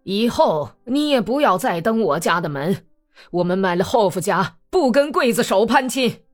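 A woman gives voice to a stern old man in his later years, firm and measured, his words lively in pitch. The storybook reading has faint music behind it.

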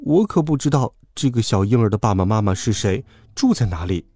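A man narrating a children's story with a voice that rises and falls in a very animated way. His tone is mellow and a little husky. The recording is dry and close, with light music underneath. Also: lowish voice, fairly quick. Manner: lively, animated.

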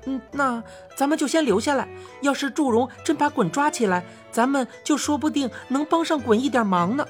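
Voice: high voice, fairly quick, soft background music, voice pushed up, close to an everyday voice. A storyteller voicing an eager young child character in an audiobook story.

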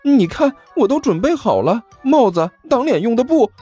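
A man's voice: very high-pitched, sing-song, normal speed, warm tone, husky, soft background music, pitched above the performer's own voice, exaggerated voice. A man voicing a flustered young man who stammers eagerly.

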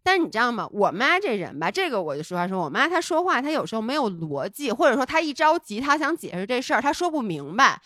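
A woman's voice: on the high side, big pitch swings, fast talker, hardly any pauses, fairly bright tone, no room sound, clean studio sound. A woman co-hosting a podcast, telling a personal story in a candid, rambling, heartfelt way. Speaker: podcast co-host.

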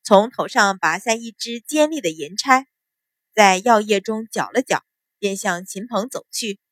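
A woman narrating a novel in an expressive storytelling style. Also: medium pitch, a little slow, no echo, clean studio sound. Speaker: audiobook narrator. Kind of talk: novel reading with character voices.

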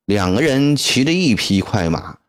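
A man narrating a historical tale in a dramatic, expressive traditional storytelling style. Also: mid-range voice, a little slow.

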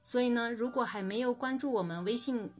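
A woman's voice: fairly high pitch, faint music behind. Patient woman teaching a language lesson. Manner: explains patiently, then says example words slowly and clearly.

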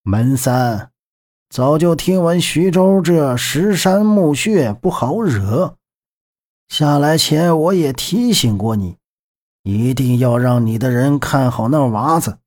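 A calm, scheming middle-aged boss speaks slowly and softly, coaxing his partner in an audiobook, as a male narrator puts him on. His tone stays measured and persuasive. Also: mid-range voice.

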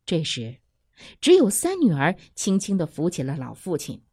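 Woman storyteller for children's folk tales, husky voice, wide expressive pitch. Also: moderate pace, no room sound, clean studio sound. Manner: expressive and animated.

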